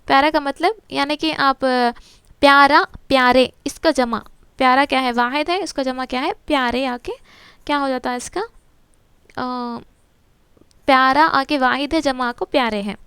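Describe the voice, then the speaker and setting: High-voiced woman teaching grammar, quizzing herself. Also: steady tone, a bit bright, smooth, no room sound. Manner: patient, asks questions and answers them herself; mixes English words into Urdu. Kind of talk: explaining a textbook to students.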